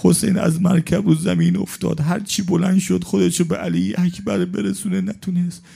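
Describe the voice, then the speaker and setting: A man's voice: high voice, little pitch movement, gravelly, dark tone, husky. A male preacher telling a mourning sermon story with emotional, dramatic recitation.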